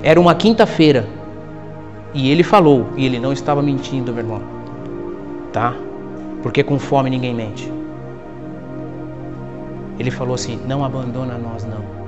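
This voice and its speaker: A Brazilian man preaching a sermon to his congregation, calling them "my brother" and swinging from hushed asides to loud exhortation. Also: medium pitch, normal speed, long pauses, lo-fi sound. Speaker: pastor. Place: church service with congregation in masks. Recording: long hall reverb with faint music.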